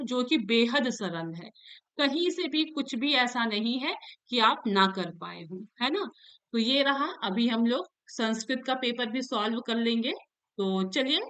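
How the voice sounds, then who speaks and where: A woman's voice: on the high side, fairly bright tone, clean tone. A woman teacher walks students through an exam paper, explaining each answer and often checking in with them. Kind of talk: exam paper walkthrough lesson.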